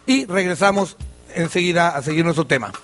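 A man's voice: a little high, a little fast, fairly bright tone, soft background music. A man hosting a radio talk show, commenting chattily with frequent restarts. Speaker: radio host.

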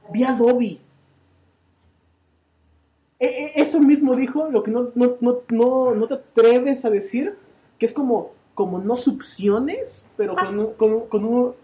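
A young man with a Mexican accent, co-hosting a comedy podcast and telling stories in an animated, playfully exaggerated way. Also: very high-pitched, measured pace. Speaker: podcast co-host. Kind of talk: joking podcast banter.

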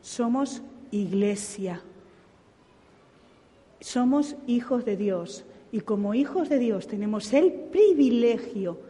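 A woman's voice: fairly high pitch, takes it slowly. Woman preaching in a reverberant church hall. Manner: animated storytelling with impersonated voices. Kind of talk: sermon.

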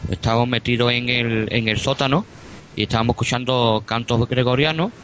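A man describes his investigation in halting speech, restarting words and filling gaps with "eh". His pitch sits in the middle. The recording is muffled, with faint background noise. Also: fairly even intonation, a bit bright. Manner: hesitant, many fillers and restarts. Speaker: paranormal investigator guest. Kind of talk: casual recounting on a radio talk show.

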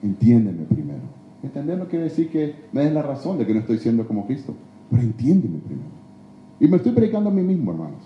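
A man preaching a sermon in a church, emphatic, swinging between loud exhortation and hushed confession. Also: fairly high pitch, dull audio. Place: church sanctuary. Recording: echoey church hall.

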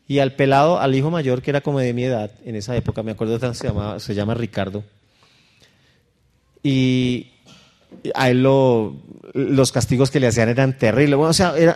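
A man's voice: mid-range voice, a little mellow. A middle-aged man, a pastor preaching a sermon in a conversational, storytelling way that speaks directly to his listeners.

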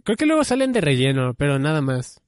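A man's voice: a little high, wildly swooping pitch, a little fast, dry recording, clean studio sound. A young man chatting casually, musing and hedging with many fillers. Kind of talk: casual chat about anime.

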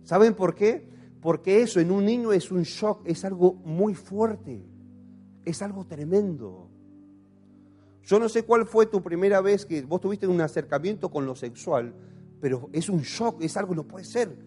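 Preaching with passion and questioning the congregation, a male pastor in his thirties speaks in Argentine Spanish. His high, dark-toned voice is expressive and unhurried, with faint music behind him.

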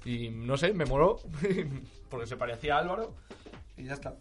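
A young man of middling pitch co-hosts in a relaxed group chat. He tells his stories loosely and often laughs along the way. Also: normal speed. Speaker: radio show co-host.

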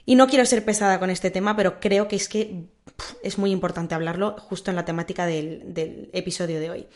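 A woman's voice: fairly low pitch, steady tone, brisk. A woman in her twenties hosting a solo podcast, giving candid advice in a chatty, informal way with frequent tag questions. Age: 20s. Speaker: podcast host.

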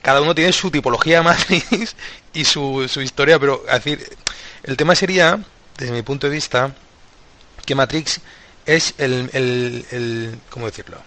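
A man's voice: mid-range voice, normal speed, sharp tone, a little hiss or hum. A man in a casual philosophical discussion, thinking aloud and restarting his sentences often.

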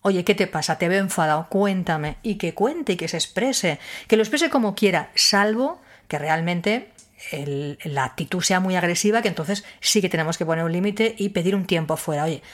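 A woman's voice: on the low side, normal speed. A woman giving an explanatory talk on handling emotions, using rhetorical questions and firm emphasis. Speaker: speaker on emotional wellbeing.

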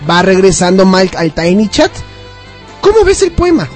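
A man's voice: high-pitched, big pitch swings, normal speed, soft background music. A young man, hosting a casual radio show, teasing and laughing often. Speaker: radio host.

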